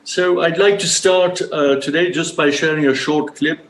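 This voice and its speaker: A man from Uganda who founded safari lodges, giving a measured, formal talk on a live stream with frequent fillers. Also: fairly high pitch, steady tone, echoey room, low-quality recording.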